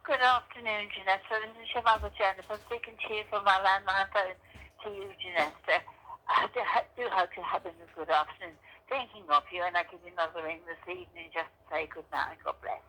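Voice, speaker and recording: A woman's voice: medium pitch, fairly even intonation, fast, bright, forceful tone, rough recording. An older woman leaving a formal, repetitive voicemail, heard played back over a landline phone. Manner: formal, repetitive, slightly reproachful. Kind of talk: voicemail message.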